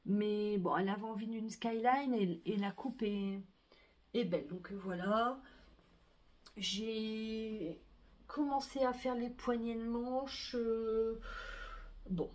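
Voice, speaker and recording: A woman's voice: fairly high pitch, fairly even intonation, takes it slowly, darkish tone. A middle-aged woman, chatting casually about her sewing and knitting projects, full of fillers and restarts. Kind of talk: casual chat to camera.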